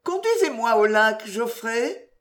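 A fiery, flirtatious widow, as a woman reads her, pitched well above the narration and swinging between coaxing sweetness and sharp indignation. Her voice climbs high and bright in a storybook reading. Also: lively intonation, slow pace. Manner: pleading, then indignant and pouty.

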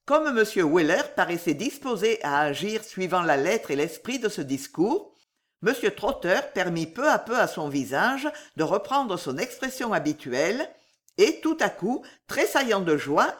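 An audiobook narrator reading a classic novel in an expressive, dramatic storytelling manner. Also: mid-range voice, unhurried.

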